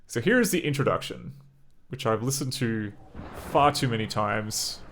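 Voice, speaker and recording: A man's voice: medium pitch, animated, moderate pace, a bit bright, a little hiss or hum. A man chatting casually and with amusement as he streams an old computer game. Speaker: streamer playing a retro game. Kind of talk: casual live-stream commentary.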